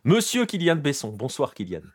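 A man's voice: on the high side, wildly swooping pitch, moderate pace, dry recording, clean studio sound. A man hosting a casual live football talk show, chatting loosely with many hesitations and greeting viewers in the chat. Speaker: podcast host.

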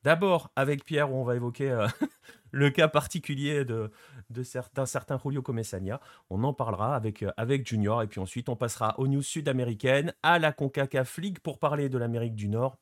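A man's voice: mid-range voice, fairly quick, dry recording, clean studio sound. A man hosting a casual football show, rambling with many fillers and still with a sore throat after an illness. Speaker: host.

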